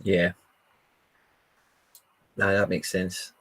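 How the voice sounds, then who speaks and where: A man's voice: deep voice, completely flat delivery, drawn-out words, a bit bright, breathy edge, no room sound. A man hosting a live show in casual chat, informal and chummy.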